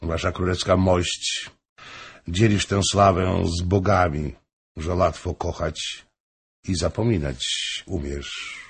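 A man voicing a proud young countess in a storybook reading, speaking quietly and with restraint. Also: low voice, fairly even intonation, slow, long pauses, slightly rough, heavily acted. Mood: cool.

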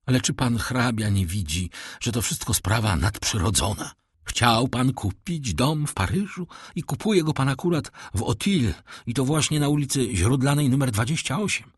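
A man's voice: medium pitch, animated, normal speed, husky, no room sound, clean studio sound. A man voicing a frightened, superstitious male steward who pleads in an agitated voice, in an audiobook reading. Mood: terrified. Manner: agitated and pleading, voice rising in fear.

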